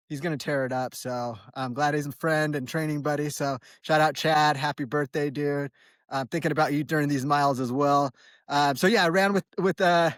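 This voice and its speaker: Running a trail outdoors, an American man in his early forties chats for his vlog in a slangy, laid-back, rambling style. His voice is a little high, with no room sound and studio quality.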